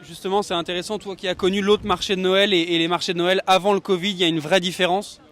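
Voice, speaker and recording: A man working as a street reporter, asking passers-by friendly, clear questions. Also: sits high, flat delivery, fast talker, a bit bright. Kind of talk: vox-pop interviewing.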